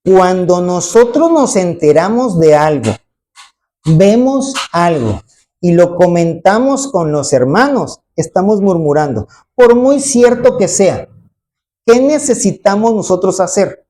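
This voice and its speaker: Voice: mid-range voice, very animated, takes it slowly, warm tone. A preacher gives an emphatic sermon to a congregation, often tagging questions and acting out quoted voices. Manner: emphatic, frequent rhetorical tag questions, acts out quoted voices. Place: church congregation.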